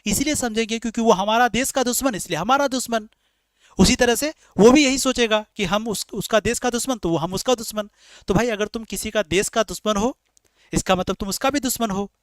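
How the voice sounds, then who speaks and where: Man, teacher, high voice, repetitive explaining, rhetorical questions, dry close sound. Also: a little fast, no room sound. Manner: repetitive, explains in rhetorical questions, calls students dear children. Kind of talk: online exam-prep class.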